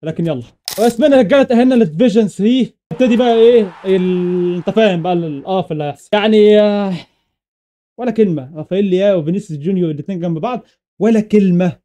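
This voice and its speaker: Young Egyptian gaming YouTuber, male, high and very fast, excitable running commentary with repeated shouts. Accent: Egyptian Arabic. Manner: excitable, repeats exclamations rapidly. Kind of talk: live gameplay commentary.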